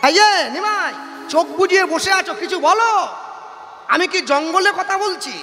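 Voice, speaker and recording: A scornful, proud old scholar who fires taunting questions in a very high, ringing voice, as a male kirtan singer puts him on. It sounds like a long-echoing hall, with instruments playing behind. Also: a little slow, sharp tone, heavily acted. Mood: scolding. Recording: live stage hall with music.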